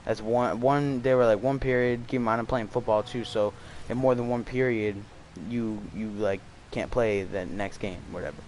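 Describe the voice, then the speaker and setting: A man's voice: medium pitch, steady tone, moderate pace, few pauses, darkish tone, slight background noise. Rambling slangy young man telling a story. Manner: rambling, slangy, profane, with many fillers. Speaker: student storyteller. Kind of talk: casual storytime vlog.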